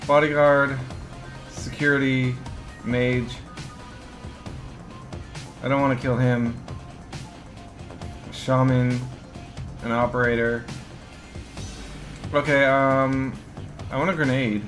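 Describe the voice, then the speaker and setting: A man's voice: mid-range voice, level tone, slow pace, pauses often, fairly bright tone, faint music behind. A man giving casual, sweary gameplay commentary and reading the game's text aloud as he plays. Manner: casual, profane. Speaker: video game player narrating playthrough.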